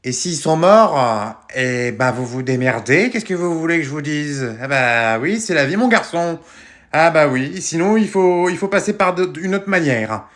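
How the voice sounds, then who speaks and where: A rude office clerk, first fake-polite and then openly insulting, played by a man in a comedy sketch. His voice sits slightly high. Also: expressive, moderate pace, fairly bright tone. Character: rude town hall clerk.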